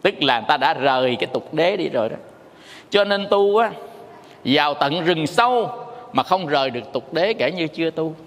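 Monk teacher giving a dharma talk, high gravelly voice, sings tones playfully, big echoey hall. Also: male voice, lively intonation, normal speed, a bit bright. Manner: storytelling, sings tone syllables playfully. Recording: long hall reverb.

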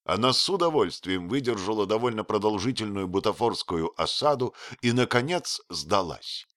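A man's voice: fairly low pitch, expressive, normal speed, fairly bright tone, no room sound, studio quality. A man narrating a novel aloud in a theatrical way. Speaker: audiobook reader. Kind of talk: expressive literary narration.

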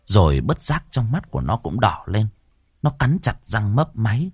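A man narrating a ghost story in an expressive, dramatic way, close to the microphone. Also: on the low side, normal speed, slightly rough, no echo, faint music behind.

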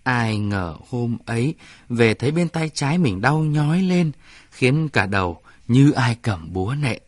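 Guy reading a story out, steady pace, dry audio. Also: medium pitch, measured pace, no echo. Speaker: narrator. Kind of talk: scripted story narration.

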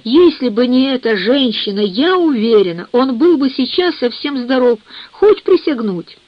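A woman's voice: sits high, expressive, normal speed, no echo, voice pushed up. A woman voicing a stubborn, self-righteous older mother who rambles plaintively, in a dull, dry recording. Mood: sullen.

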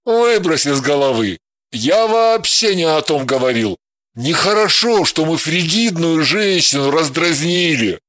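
A woman's voice: low-pitched, animated, unhurried, a bit bright. A woman voicing an amused, teasing husband who laughs through his words. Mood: calm, puzzled.

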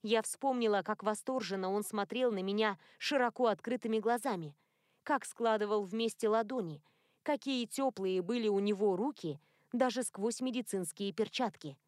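A woman reading a first-person novel as an audiobook narrator, in a measured, intimate storytelling manner. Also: medium pitch, darkish tone, no echo, studio quality.

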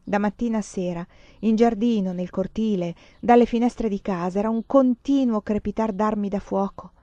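Brief: woman narrator, audiobook reading, measured and expressive, dull dry lo-fi sound. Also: medium pitch, dry recording. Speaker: reader.

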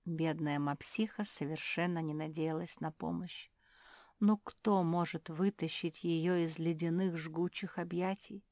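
A woman narrating a children's story chapter in an expressive, lively reading voice. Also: sits low, a little slow, no room sound, clean studio sound. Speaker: audiobook narrator.

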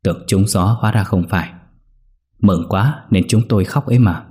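Man doing older clan elder, firm, dismissive, deep dark voice, horror audiobook. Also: moderate pace, lightly acted. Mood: reassuring. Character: stern older male clan elder calming neighbors.

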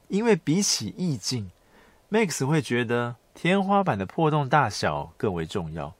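A middle-aged man hosts a podcast, reading a script in a soft, intimate pillow-talk style, much like bedtime storytelling. His voice is mid-range, with no echo.

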